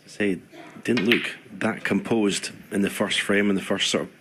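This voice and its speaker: A man working as snooker co-commentator, giving expert analysis in a hushed, conversational way. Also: fairly low pitch, steady tone, normal speed. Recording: faint background noise.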